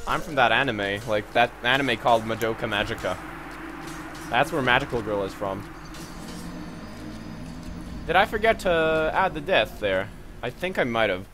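A man's voice: mid-range voice, animated, normal speed, pauses often, background noise. Swearing, self-mocking game commentator, man. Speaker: gameplay commentator. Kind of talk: let's play commentary.

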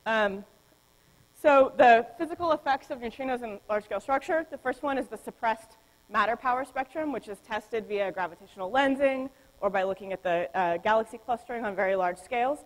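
A woman's voice: on the high side, fairly quick, in a large hall, rough recording. A woman giving a physics conference lecture, explaining step by step with frequent ums and self-corrections. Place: lecture hall.

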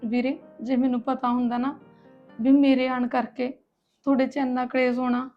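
A woman's voice: sits high, level tone, normal speed, dull audio, soft background music, lightly acted. A woman with a Punjabi accent playing a meek visiting sister who pleads through tears. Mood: tearful. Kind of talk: comic family drama acting.

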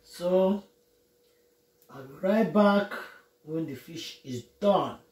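A woman's voice: on the low side, expressive, extremely slow, darkish tone. A woman vlogging a cooking tutorial from her home kitchen, chatting through each step to her viewers. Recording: roomy kitchen echo, faint noise.

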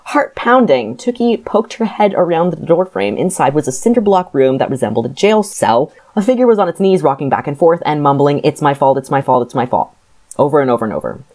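Woman podcast co-host, low voice, sardonic, filler-heavy recap. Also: darkish tone. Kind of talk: casual book recap.

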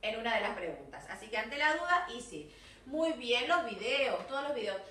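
High, lively Argentine woman teacher. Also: brisk, echoey room, recorded from a distance. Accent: Argentine Spanish. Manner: switches between Spanish and English, coaxing with constant "¿sí?" and "¿ok?". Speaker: English teacher. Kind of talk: recorded class feedback to young pupils.

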